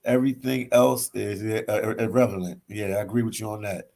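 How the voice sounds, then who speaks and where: A fairly low, gravelly voice belongs to a relaxed travel vlogger from Philadelphia on the US East Coast who talks a little fast. Sitting in a hostel library, he reads viewers' live chat comments and answers them, repeating himself and saying "man" often.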